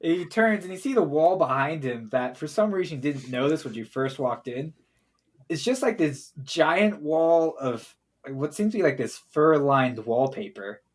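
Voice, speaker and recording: A man's voice: a little high, animated, normal speed. A man narrating as game master of a tabletop role-play game, casually and with lots of fillers.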